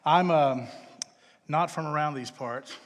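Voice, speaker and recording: Speaking slowly in a voice on the high side, a middle-aged man from Texas with a matching accent delivers a casual, self-mocking chapel talk as a chatty guest. The live recording comes from a big indoor chapel whose hall echoes with lengthy reverb.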